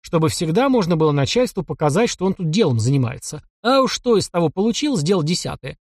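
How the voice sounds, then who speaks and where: A man's voice: a little high, sing-song, quick pace, dry recording, studio quality, voice pushed up. A man voicing a cocky young taiga hunter. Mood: scheming. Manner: mocking, cocky and cunning. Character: young bold taiga hunter, sly and defiant.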